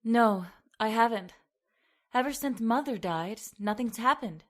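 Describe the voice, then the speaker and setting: A woman's voice: fairly high pitch, unhurried. A woman playing an anxious, frightened young woman in old-time radio horror, hesitant and dramatic. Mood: uneasy.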